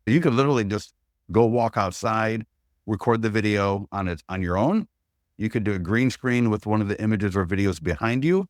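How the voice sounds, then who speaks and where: A man with a fairly low voice teaching an online webinar, upbeat and practical as he lays out each step like a checklist. The sound is dry and close, with no room around it. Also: dry recording. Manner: upbeat, repeats steps as a checklist. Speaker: webinar presenter. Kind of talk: instructional webinar.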